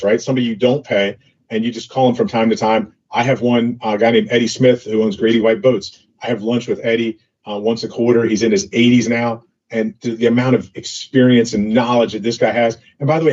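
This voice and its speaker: An entrepreneur appears as an interview guest, telling business anecdotes in a loose, filler-heavy way. His voice is medium-pitched with a darkish tone, and the dull lo-fi recording suits the casual storytelling.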